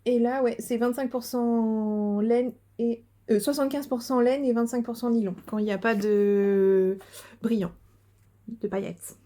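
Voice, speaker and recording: Woman, crafting podcaster, higher voice, casual and giggly, lots of fillers. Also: fairly even intonation, a little slow, mellow. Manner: chatty, hesitant with many fillers, giggly. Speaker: knitting and sewing podcaster. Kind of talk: casual video chat showing crafts.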